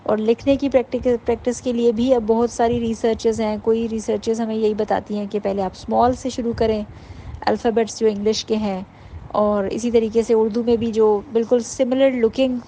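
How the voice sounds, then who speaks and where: A woman giving an informal workshop talk to mothers, explaining patiently and sounding out letters slowly. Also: on the high side, level tone, dark tone, a little hiss or hum, rough recording. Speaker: parenting workshop teacher.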